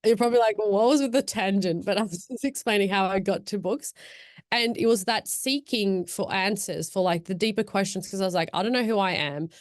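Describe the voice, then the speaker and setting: Speaking fairly quickly at medium pitch with no echo, this young woman appears as a guest on a podcast. She was born in Pakistan to an Afghan background and grew up in Australia, and her chatty, reflective talk is thoughtful yet rambling, full of fillers and restarts; the recording is dry and close.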